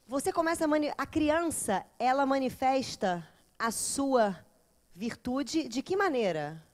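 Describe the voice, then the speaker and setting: A woman, a therapist lecturing a class in a lively way, often acting out children and mothers. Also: sits high, a little slow. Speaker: teacher of a psychology course.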